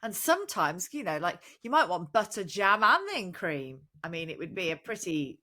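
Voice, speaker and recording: A woman's voice: fairly low pitch, very animated, normal speed, sharp tone. A woman co-hosting a podcast in casual, chatty and playful conversation. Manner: chatty, playful, full of laughs. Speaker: podcast co-host. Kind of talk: casual chat.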